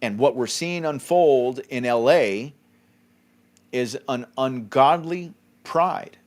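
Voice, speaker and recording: He takes it slowly, speaking in a medium-pitched voice. A man in his forties from California, he co-hosts a podcast about faith and keeps the commentary conversational, filled with fillers and a repeated "okay?"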